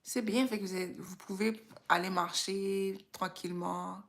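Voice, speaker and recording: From Quebec, Canada, a woman with a Québécois French accent hosts a livestream, chatting casually and reflectively in an informal, unhurried way as she thinks aloud. Her mid-range voice is steady and fairly bright.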